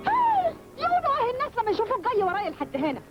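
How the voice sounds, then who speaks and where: A woman's voice: extremely high pitch, wildly swooping pitch, very fast, exaggerated voice. An actress with an Egyptian accent playing a coquettish young woman in a 1950s film. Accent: Egyptian Arabic. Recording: dull 1950s film soundtrack with music.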